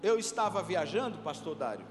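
A man preaches from a pulpit, his voice sitting very high and pushing hard on key phrases. He calls out to the congregation for answers. The sound carries a long hall reverb with music playing beneath. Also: big pitch swings, fairly quick. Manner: emphatic preaching with call-and-response. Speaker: pastor. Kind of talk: sermon. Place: church hall. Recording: echoey hall with music behind.

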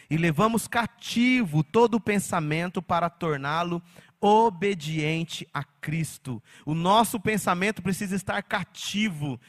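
A man preaching a sermon as pastor, animated, slipping into mocking quoted voices. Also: high voice.

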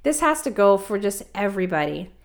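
A woman's voice: mid-range voice, big pitch swings, brisk. Young adult female podcast co-host, mid-range voice, emphatic conversational delivery. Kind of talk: casual advice chat.

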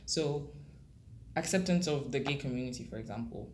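A woman's voice: extremely low pitch, normal speed, darkish tone, a little hiss or hum. A young woman who grew up in Kenya, a guest talking casually and thoughtfully with many fillers and restarts. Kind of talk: casual conversation.

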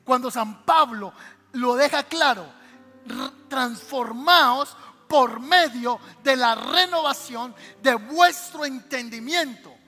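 High bright-voiced Colombian pastor preaching. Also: male voice, slow. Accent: Colombian Spanish. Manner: preaching with sudden shouted exhortations; addresses the congregation directly, asking for amens. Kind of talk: sermon. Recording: music behind, long hall reverb.

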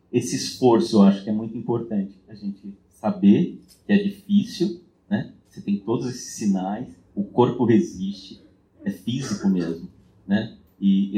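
A man's voice: lowish voice, moderate pace, mellow. A man sharing a personal story in a group meeting, reflective and casual, with frequent filler tags and restarts. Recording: roomy echo.

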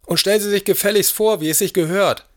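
An actor playing an elderly, imperious aristocrat who talks in a gruff, demanding and indignant way in an audio drama. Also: male voice, sits high, fast, close to an everyday voice. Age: older.

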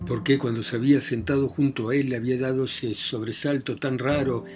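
A man narrating a novel in a measured reading voice, letting his voice drop softly at the ends of phrases. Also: mid-range voice, steady tone, faint music behind.

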